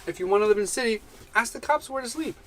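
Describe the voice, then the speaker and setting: A man co-hosting a live van life chat, talking casually and upbeat, often chiming in with quick agreements. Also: extremely high pitch, animated, fairly bright tone. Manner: upbeat, chatty, quick to chime in with short agreements.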